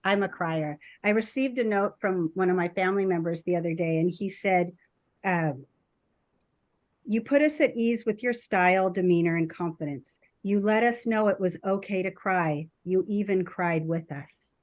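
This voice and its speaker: A woman's voice: fairly low pitch, normal speed. A woman hospice nurse talking in an earnest, empathetic way, as in a conversational panel discussion.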